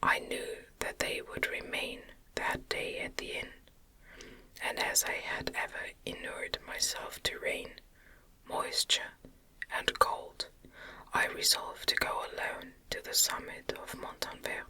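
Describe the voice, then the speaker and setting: A woman reads a novel in a whisper, close to the microphone, like an ASMR audiobook narrator, with gentle, deliberate phrasing.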